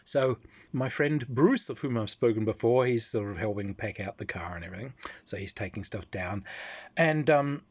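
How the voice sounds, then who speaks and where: A man with an Australian accent telling casual convention anecdotes in an animated, loose storytelling manner. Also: on the low side, moderate pace, slightly rough, highs cut off.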